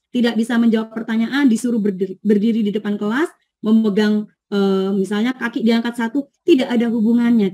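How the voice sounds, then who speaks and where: A woman's voice: mid-range voice, warm tone. A woman presenting an online teacher training, explaining patiently and reading out participants' answers, in her speech.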